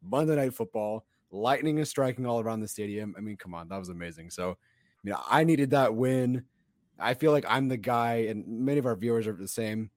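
A man co-hosting a casual sports podcast, his voice hoarse from yelling at a game. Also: fairly low pitch, brisk, no room sound, studio quality. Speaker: podcast co-host. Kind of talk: animated casual sports chat.

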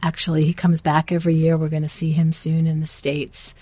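Low, flat-voiced woman explaining earnestly. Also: a little fast, no echo. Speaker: foundation guest. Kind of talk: casual interview talk.

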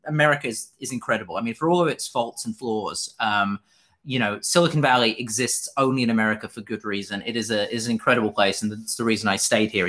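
A man's voice: medium pitch, fairly bright tone. A man from Fife in Scotland with a British accent, answering as an interview guest in an earnest, candid, conversational way and often repeating words as he goes. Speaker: interview guest, journalist and author.

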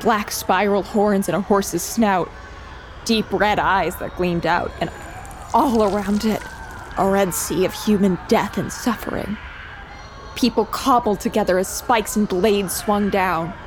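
In this audio drama, the first-person narrator and lead is a determined young woman recounting her ordeal, voiced by an actress in a mid-range, lightly acted delivery that runs a little slow. The background is noisy; her narration stays calm, steady and earnest, then grows urgent when she speaks in scenes.

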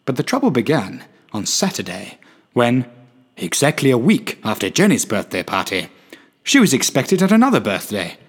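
A man's voice: medium pitch, slightly rough. A man reading a darkly comic story in a wry, dramatic storytelling manner. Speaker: narrator. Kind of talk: scripted story narration.

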